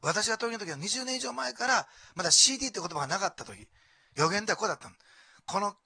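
A male pastor with an Osaka accent, preaching a sermon and asking the congregation rhetorical questions. He swings from hushed whispers to loud exclamations. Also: sits high, lively intonation, quick pace, gravelly, breathy edge, no echo.

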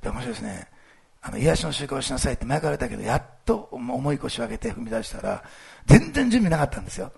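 Gravelly, lively male pastor. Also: mid-range voice, fast. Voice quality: gravelly, husky voice. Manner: lively, animated delivery with many fillers. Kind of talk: sermon with church announcements.

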